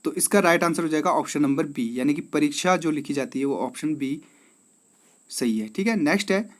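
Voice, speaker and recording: A man's voice: on the high side, fairly quick. A man with an Uttarakhand Hindi accent, teaching as he walks through exam quiz questions one by one. He calls the viewers friends and keeps checking in with them. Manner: addresses viewers as friends, repeats "theek hai".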